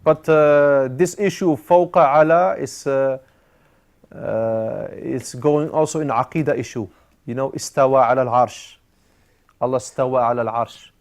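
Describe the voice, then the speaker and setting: A man's voice: medium pitch, steady tone, fairly quick. A man teaching an Arabic grammar class, explaining step by step with frequent "uh" fillers and Arabic terms mixed in. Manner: explains step by step, repeating key words.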